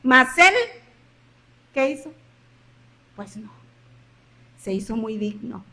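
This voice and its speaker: High, bright-voiced woman pastor preaching. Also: expressive, takes it slowly. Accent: Mexican Spanish. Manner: impassioned preaching, swinging between loud emphasis and hushed drops; repeats phrases for emphasis. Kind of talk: sermon.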